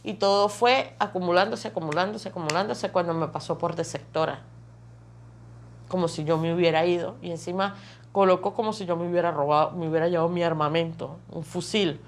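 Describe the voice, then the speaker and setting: A woman's voice: on the low side, fairly even intonation, a little fast, a little hiss or hum. A woman, giving an emotional personal testimony in vivid, repetitive storytelling that piles up phrases. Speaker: testimony guest.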